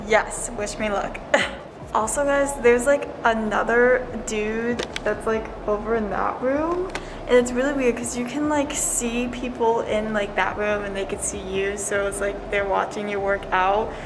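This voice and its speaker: Against a noisy background, a young vlogger speaks a little slowly in a fairly high, steady voice. She documents her day from a dorm room to a small campus gym on a nearby phone or camera, rambling, giggling and leaning on fillers like "like" and "yeah."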